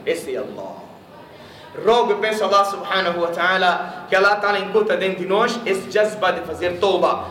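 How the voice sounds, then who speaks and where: A man's voice: high voice, lively intonation, moderate pace, a bit bright. A man from Mozambique preaching a sermon in a mosque hall, telling a story and questioning his audience. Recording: echoey room, voice from a distance.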